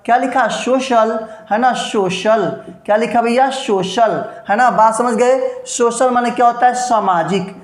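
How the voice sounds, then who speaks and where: A man's voice: extremely high pitch, measured pace, roomy sound. A man teaching a basic English lesson, explaining word sounds and meanings, constantly asking questions and answering them, and encouraging his students. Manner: drills words with repeated questions and answers; encouraging, promises and blessings to students.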